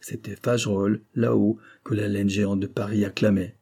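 A man reading a classic novel aloud in a measured way, pausing phrase by phrase. His voice is fairly low, dark and mellow, with a husky grain. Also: little pitch movement. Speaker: audiobook narrator. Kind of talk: literary audiobook reading.

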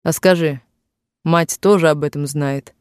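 A man reading the lines of a grieving elderly factory worker, in halting, tearful speech, in a dry room. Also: a little high, steady tone, clear, resonant tone, no room sound, close to an everyday voice. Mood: anguished.

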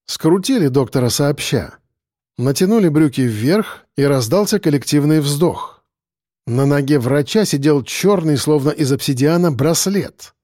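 A male audiobook narrator with a dark, mellow tone, pitched slightly above the average man. His reading is measured and steady, and the sound is dry and close with no room in it. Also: dry recording.

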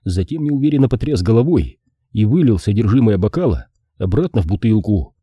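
A man narrating a detective audiobook in an expressive, measured reading. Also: lowish voice, husky, no echo, muffled recording. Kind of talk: scripted narration.

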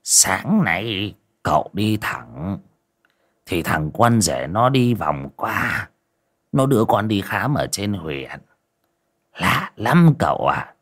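A bedridden old villager, stubborn and sharp-tongued, his voice drawn out and mocking, as a storyteller puts him on. He talks slowly, with his pitch swinging up and down as he teases. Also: very animated, heavily acted. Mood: weary. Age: older. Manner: mocking, sarcastic. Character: sick, sarcastic, stubborn old village man.

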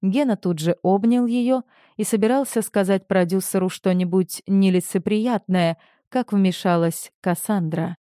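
A woman narrating an audiobook in an even, expressive reading. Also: medium pitch, unhurried, dry recording, studio quality. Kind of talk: scripted narration.

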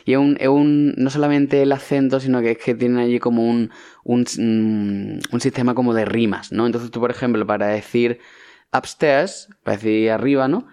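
A man's voice: mid-range voice, steady tone, moderate pace, darkish tone, clear, resonant tone. A man with a Spanish accent co-hosting a casual film podcast, explaining things at length with frequent restarts. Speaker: podcast co-host.

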